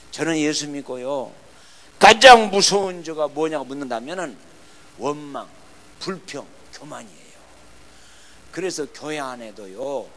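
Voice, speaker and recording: A middle-aged pastor preaching a revival sermon in a church. His voice is bright and tense, pitched a little high for a man. He swings from loud bursts down to hushed asides. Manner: emphatic, swings from shouting to near-whispers, acts out quarrels. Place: church sanctuary.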